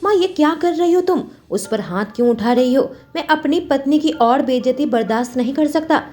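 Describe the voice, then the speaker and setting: Earnest, protective young husband voiced by a woman for a storybook read, fairly high and pleading. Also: animated, normal speed, darkish tone.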